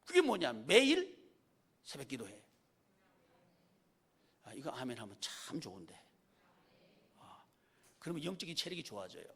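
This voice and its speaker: A male pastor preaching a Sunday sermon in church. He asks rhetorical questions, prompts the congregation for amens, and swings from loud calls to hushed, near-whispered lines. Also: medium pitch, vocal fry, slightly rough. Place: church sanctuary.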